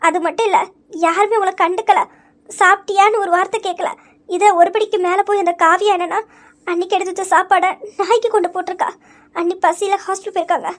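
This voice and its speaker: A woman's voice: extremely high pitch, steady tone, fast talker. A woman voicing a firm, consoling young friend. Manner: gentle but firm, reasoning and reproaching. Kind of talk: audio story acting.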